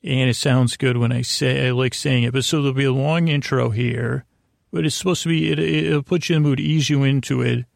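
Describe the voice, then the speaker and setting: An American podcast host gives a soothing, meandering bedtime monologue, speaking haltingly, often repeating himself and trailing off. His voice is medium-pitched with fairly even intonation and vocal fry. The studio recording is clean, with no echo.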